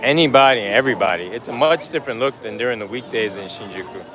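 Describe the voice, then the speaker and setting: A man live-streaming as he walks a busy city street, rambling in a relaxed way and greeting chat viewers by name. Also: medium pitch, fast, a crowd in the background. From United States. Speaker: livestream vlogger. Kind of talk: casual live-stream chat while walking. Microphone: handheld phone on a gimbal.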